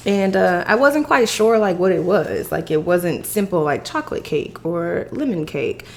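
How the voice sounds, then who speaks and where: A woman's voice: fairly low pitch, animated, normal speed. A woman chatting casually to the camera in a rambling way as she hosts an eating show, eating crunchy fried chicken as she talks. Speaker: mukbang host.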